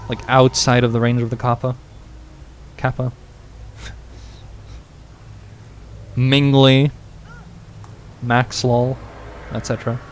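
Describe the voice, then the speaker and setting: A man chats through a game stream in a loose, rambling way, dropping "like" into almost every thought. His pitch sits in an ordinary middle range, and there is a faint ambient hum behind him. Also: monotone, normal speed, pauses often. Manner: rambling and joking, heavy use of "like". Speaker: gaming streamer. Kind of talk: casual let's-play commentary.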